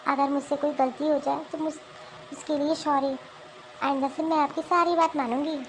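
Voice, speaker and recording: A woman voicing a sweet, polite young daughter-in-law in an animated cartoon, coaxing gently. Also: high-pitched, normal speed, slight background noise, low-quality recording.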